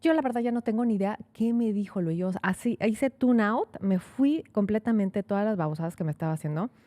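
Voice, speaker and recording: A woman's voice: medium pitch, a little fast. Lady lawyer telling a story on a podcast, lots of "este" and "o sea", acts out the quotes. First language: Spanish. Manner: animated, acts out quotes, many fillers. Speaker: immigration lawyer, podcast co-host. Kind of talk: casual storytelling chat.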